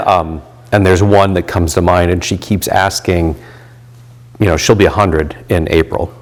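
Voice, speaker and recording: A man's voice: sits low, steady tone, measured pace. A man in his fifties, a volunteer pastor, talking reflectively in an interview with many fillers and restarts. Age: 50s.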